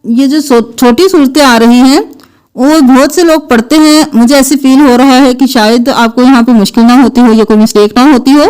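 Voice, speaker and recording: A woman teaching tajweed, who gives quick explanations and then chants the verses slowly and melodically. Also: high-pitched, steady tone, darkish tone, clean tone. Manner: quick explanations alternating with slow drawn-out melodic recitation. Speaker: Quran recitation teacher. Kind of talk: tajweed lesson with slow chanted recitation.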